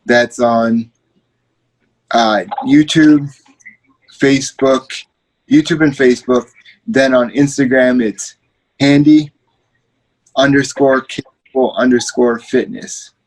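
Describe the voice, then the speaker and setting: Man, casual podcast chat, encouraging, video call, mid pitch. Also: steady tone, takes it slowly, pauses often, low-quality recording. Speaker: podcast co-host and guest.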